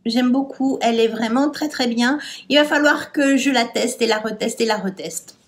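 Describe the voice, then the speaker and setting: A woman's voice: a little high, moderate pace. A French woman chatting casually through a makeup tutorial, hesitant and trailing off with fillers as she works. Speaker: beauty vlogger.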